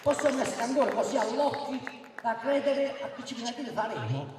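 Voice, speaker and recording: Male rally orator, booming and impassioned, swinging widely in pitch, heard from afar over a noisy crowd. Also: very animated, fairly quick. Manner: declamatory, with emphatic repetition and joking asides. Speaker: political candidate speaking at a rally. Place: outdoor town square rally with crowd. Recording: echoey outdoor public-address sound, distant, crowd noise.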